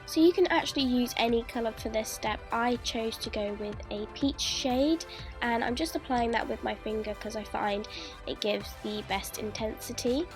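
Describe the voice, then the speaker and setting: A young woman whose voice sits on the high side speaks at normal speed, stuffed up and saying she's sick. As a beauty vlogger, she chattily and warmly explains each makeup step in a voice-over with clear background music.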